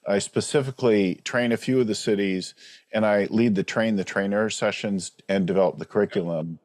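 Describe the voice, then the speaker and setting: A man in his forties, a business coach, telling his story in a relaxed conversational way on a video call and often tagging his points with "right?". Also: fairly low pitch, fairly quick, no echo, clean studio sound. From United States. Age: 40s. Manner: reflective, frequent tag "right?".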